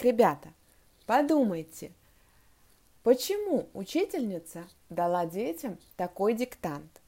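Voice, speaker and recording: A woman teacher reads a story aloud to children, slowly and deliberately. Her fairly high voice rises and falls a lot. She then quizzes the class on spelling. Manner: expressive, slow and deliberate storytelling.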